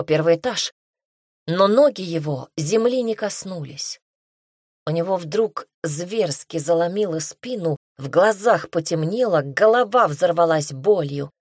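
A woman reads a fantasy novel aloud in a calm, even storytelling voice. Her pitch sits on the low side and the recording is dry and close, with no room sound. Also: husky, dry recording. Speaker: audiobook narrator. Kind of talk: audiobook narration.

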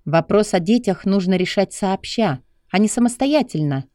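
A man's voice: high voice, animated, normal speed, darkish tone, no room sound, clean studio sound, voice pushed up. A male reader voicing an angry, indignant young woman who scolds her lover in an audiobook. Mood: scolding. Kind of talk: audiobook character voice.

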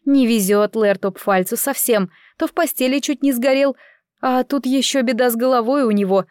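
Женщина играет суетливую болтливую горничную. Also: female voice, a little high, a little mellow, clear, resonant tone, dry recording, studio quality, voice pushed up, natural voice. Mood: worried. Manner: quick folksy chatter, fussing and exclaiming. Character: bustling kind-hearted female chambermaid, chatty and fussy.

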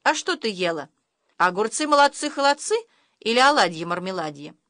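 A woman's voice: mid-range voice, big pitch swings, a little fast, a bit bright, no room sound, studio quality. A woman voicing a dazed, dreamy mother who chatters in sing-song rhymes.

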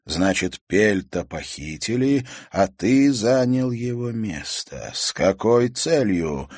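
Storybook investigator, patient and steady, lowish voice, read by a man. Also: slow pace, dry recording, clean studio sound. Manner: patient, calm questioning. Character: patient, level-headed male investigator. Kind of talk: audiobook character voice.

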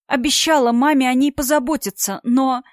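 Crying young woman, trembling, pleading, high strained voice, dry close sound, woman doing the voice. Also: steady tone, moderate pace, no room sound, close to an everyday voice. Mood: tearful. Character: tearful distraught young woman, anxious older sister. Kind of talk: audiobook character voice.

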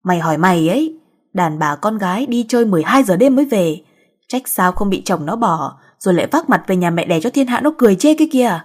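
A woman voicing an angry middle-aged mother who scolds harshly and loudly, in a husky voice. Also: medium pitch, expressive, quick pace. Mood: furious.

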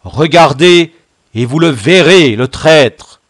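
In a storybook reading, a man plays a boy gang leader who roars and thunders his accusations in a raised, lively voice, pitched well above a plain telling. The recording is close and dry. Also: takes it slowly, dry recording. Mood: furious. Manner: roaring, accusing.

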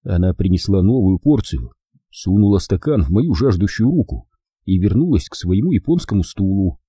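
A man reading a first-person story aloud in a wry, unhurried way. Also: low voice, very animated, mellow, husky, no room sound, studio quality. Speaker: narrator. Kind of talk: first-person audiobook narration.

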